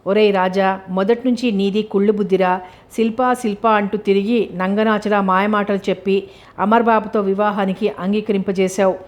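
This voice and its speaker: A woman's voice: mid-range voice, fairly even intonation, normal speed, natural voice. A woman voicing a bitter older man who scolds and accuses.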